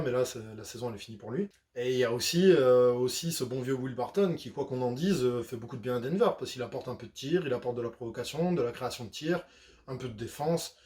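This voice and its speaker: A young man, casually analyzing a basketball team, slangy and animated with lots of fillers and self-corrections. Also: mid-range voice. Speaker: basketball video host.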